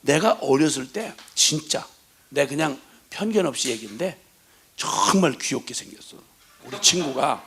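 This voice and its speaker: A middle-aged man, a missionary, telling stories in a folksy sermon, dropping to hushed asides and bursting into loud laughing exclamations as he imitates his mother's scolding. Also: medium pitch, expressive, normal speed, creaky, husky. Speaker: missionary preacher.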